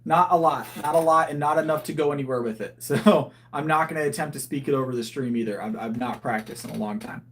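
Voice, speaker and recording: This man, a livestreaming powerlifter in his thirties, talks fast with hardly any pauses at a medium pitch, against slight background noise. In a relaxed chat he reads viewer comments and replies, restarting sentences as he thinks aloud.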